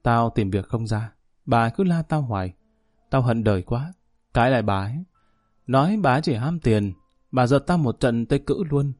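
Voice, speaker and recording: A man voicing a sad young runaway son who quietly tells of his hardships in an audiobook story. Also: medium pitch, expressive, normal speed, no echo, studio quality, close to an everyday voice.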